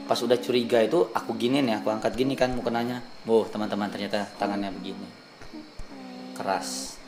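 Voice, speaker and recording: A young Indonesian vlogger tells a ghost story to the camera in a casual vlog, animatedly acting out the voices of the people in it. His voice is lowish and a little fast, with slight background noise.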